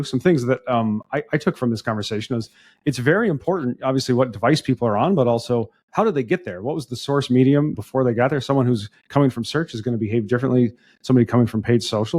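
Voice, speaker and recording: A man's voice: medium pitch, darkish tone. A man hosting an interview podcast, asking follow-up questions and wrapping up the conversation. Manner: brisk, wraps up with quick follow-up questions. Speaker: podcast host.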